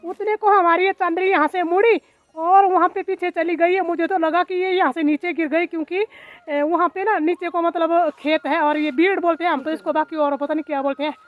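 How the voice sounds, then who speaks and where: A high-pitched woman with a Mandyali-tinged Hindi accent talks in a loose, chatty way, full of fillers, as she films her hillside village farm. The phone recording sounds a little dull and lo-fi, with open outdoor air around her. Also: steady tone, a little fast. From Himachal Pradesh, India. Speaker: village vlogger. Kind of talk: casual vlog narration.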